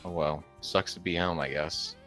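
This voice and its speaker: A young man with a fairly low voice trades jokes on a casual podcast and keeps dropping into silly voices. Faint music plays softly underneath him. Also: fairly even intonation, normal speed. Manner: jokey, slips into put-on voices for bits. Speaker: podcast co-host. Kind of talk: casual comedic banter.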